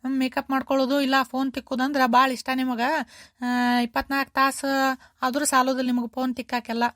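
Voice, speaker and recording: A woman's voice: flat delivery, brisk, fairly bright tone, no echo, studio quality. A woman voicing a nagging older mother-in-law in a cartoon, complaining and repeating herself in a North Karnataka accent. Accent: North Karnataka Kannada. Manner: shrill, complaining, repetitive.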